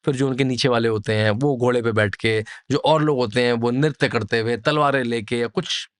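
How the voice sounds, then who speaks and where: A man's voice: medium pitch, a little fast, clear, resonant tone, no room sound. A man, a podcast guest, explaining traditions in a vivid, descriptive way and building scenes with lists. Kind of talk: explanatory storytelling interview.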